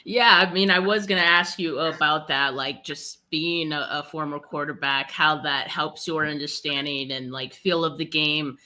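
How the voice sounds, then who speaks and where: A woman's voice: low-pitched, steady tone, normal speed, hardly any pauses, pushed and bright. A woman interviewer in a casual sports conversation, easing into questions with wordy, conversational lead-ins.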